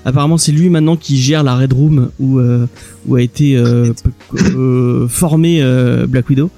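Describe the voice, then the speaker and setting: A man's voice: medium pitch, steady tone, normal speed, gravelly, dark tone. A man hosting a film podcast, chatting casually and hesitantly, with many restarts. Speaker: podcast host.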